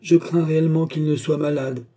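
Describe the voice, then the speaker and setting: A man doing an anxious kindly old gentleman. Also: on the high side, steady tone, fairly quick, pitched above the performer's own voice. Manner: anxious, earnest.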